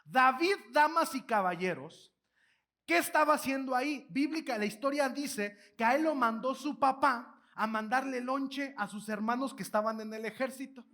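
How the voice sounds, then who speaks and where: A man with a Mexican accent giving a keynote talk, retelling a story in an animated, slangy, joking way. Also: very high voice, normal speed. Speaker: keynote speaker.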